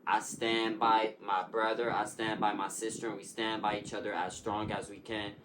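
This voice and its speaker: In a casual interview, a recovering addict talks about his addiction with earnest emphasis and preacher-style repetition. His voice sits on the low side, flat in delivery at a normal speed. Expect a noisy recording with clicks.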